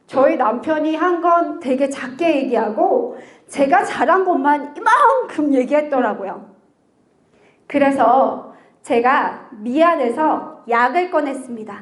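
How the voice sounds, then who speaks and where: Female lecturer, thirties, high voice, story-led talk with acted-out dialogue, echoey room. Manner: acts out her own quoted dialogues.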